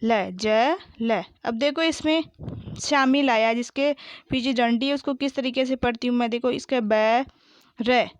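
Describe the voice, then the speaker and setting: Woman teacher, higher voice, very slow and clear, dull lo-fi audio; spells out words for young pupils, then asks questions. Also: fairly even intonation, no room sound. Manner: reads words slowly, then explains and quizzes. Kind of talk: slow word-by-word reading lesson.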